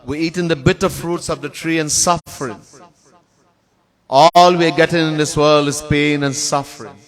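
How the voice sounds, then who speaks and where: A man with a Trinidadian accent giving a sermon as a swami in a temple, chanting Sanskrit verses slowly in a sung tone between plain teaching. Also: a little high, steady tone. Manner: lists words in long spoken series. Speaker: swami giving a spiritual discourse.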